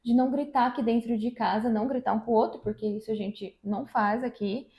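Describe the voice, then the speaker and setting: A woman, a mother co-hosting, giving measured parenting advice in a casual chat at home. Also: fairly high pitch, steady tone, warm tone. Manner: measured, advice-giving, repeats key phrases. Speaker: mother and channel co-host. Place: room at home. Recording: echoey room.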